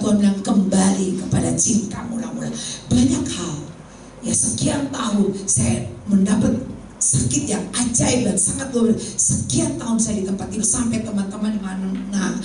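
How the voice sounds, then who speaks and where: A middle-aged woman giving a lively sermon testimony in a church hall, joking with the congregation, her voice leaping up when excited. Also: medium pitch. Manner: animated, jokes with the congregation, voice leaps up in excitement. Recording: very echoey hall, heard from far off.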